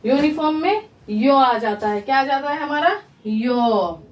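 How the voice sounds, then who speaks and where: With a high, animated, darkish voice, a woman English teacher explains grammar in Hindi, slowly repeating questions to the class and answering them herself. The recording is echoey, her voice is far away, and there's a little hiss or hum.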